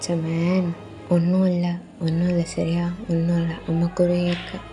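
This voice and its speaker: A woman plays a gentle mother in a storybook reading, comforting her son in a soft, hushed voice. Her tone is mellow and warm, with faint music behind her. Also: fairly low pitch, completely flat delivery, normal speed, pitched below the performer's own voice, lightly acted. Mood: soothing.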